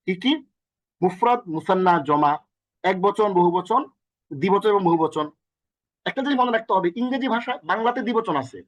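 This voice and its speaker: Fast, high-voiced male Arabic teacher. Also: no room sound. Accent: Bangladeshi. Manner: energetic, repeats and quizzes the listener. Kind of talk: recorded online lesson.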